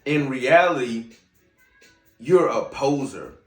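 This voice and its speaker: Slow and a bit bright, this man's medium-pitched voice belongs to a podcast host doing a casual monologue in a hookah lounge. He lectures his viewers directly in a brash tone, with a slight Southern US twang. It's recorded from a distance, roomy and off-mic, with music playing.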